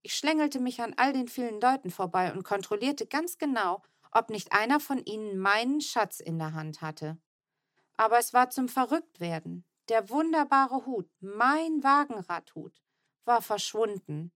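A woman narrating a children's audiobook in an expressive, lively storytelling manner. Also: fairly high pitch, unhurried, no room sound, clean studio sound.

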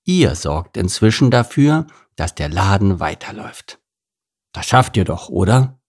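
A man's voice: on the low side, very animated, unhurried, slightly rough, full character voice. A man reading a storybook and voicing a male circus director giving his animals instructions. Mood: instructing.

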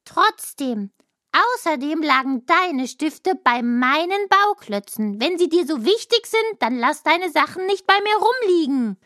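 A woman's voice: high voice, animated, measured pace, a bit bright, no room sound, clean studio sound. A woman voicing a young, stubborn woodworm boy in a children's audio drama, sulky and defiant.

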